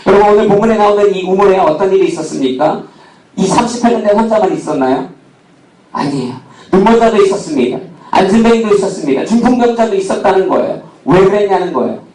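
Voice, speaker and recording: A male pastor with a high-pitched voice preaches to his congregation, asking them questions and telling a story with humor. He is recorded from a distance in a reverberant church hall, with faint ambient noise underneath. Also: lively intonation, fast talker, mellow. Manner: asks the congregation rhetorical questions; tells a humorous personal story. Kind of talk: sermon. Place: church sanctuary. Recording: echoey hall, mic at a distance.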